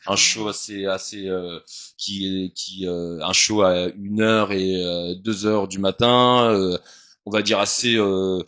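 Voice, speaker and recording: Chatty low-voiced man telling stories. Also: fairly bright tone. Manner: chatty, rambling, hesitant with many fillers. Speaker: performer, interview guest. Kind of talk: casual storytelling interview.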